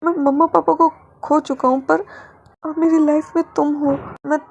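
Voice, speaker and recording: Possessive male singer, played by a woman, emotional, pleading, gravelly. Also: sits high, level tone, normal speed, a little mellow, voice pushed up. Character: possessive male singer-soldier husband, tender and clingy.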